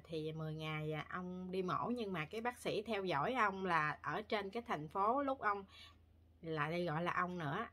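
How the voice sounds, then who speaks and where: A woman from Vietnam chats to her viewers in a bright, tense-edged voice. She rambles and restarts often, filling pauses as she talks. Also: mid-range voice. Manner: rambling with many fillers and restarts. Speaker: vlogger. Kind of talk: casual chat to viewers. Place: home in Korea.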